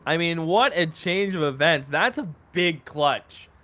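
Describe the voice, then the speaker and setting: A man giving live esports commentary in an excitable, conversational, incredulous way. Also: fairly high pitch, a little slow, a little hiss or hum.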